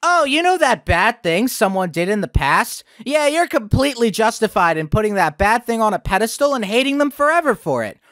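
A man's voice: high voice, big pitch swings, brisk, few pauses, fairly bright tone, dry recording, studio quality. Sarcastic young man ranting in a review. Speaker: video critic host.

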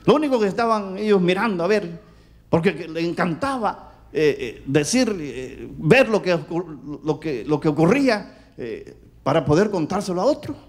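A middle-aged man from the Caribbean with a Caribbean Spanish accent, preaching a sermon in a loud, animated way that swings between booming and hushed. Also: moderate pace.

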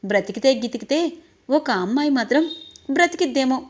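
A woman voicing a rough male hired thug who reports bluntly. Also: high-pitched, expressive, brisk.

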